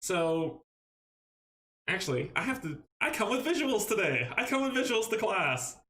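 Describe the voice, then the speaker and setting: This young Guyanese man hosts a casual live stream, fielding viewers' questions in an upbeat, rambling manner and frequently restarting his sentences to correct himself. He speaks at a normal speed in a high, sing-song voice with a sharp tone.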